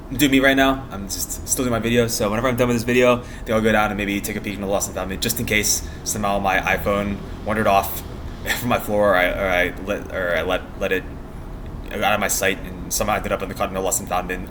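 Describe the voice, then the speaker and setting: Fast-rambling young American man, low voice. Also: noisy background. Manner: meandering, giggly, trails off mid-thought. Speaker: vlogger. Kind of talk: casual rambling vlog chat.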